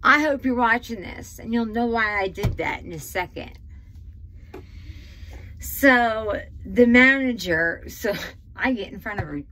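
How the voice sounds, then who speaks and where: Slow-talking woman telling a heated story. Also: mid-range voice, a bit bright, low-quality recording. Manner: heated, rambling, tearful at times. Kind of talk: emotional storytime vlog. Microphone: phone.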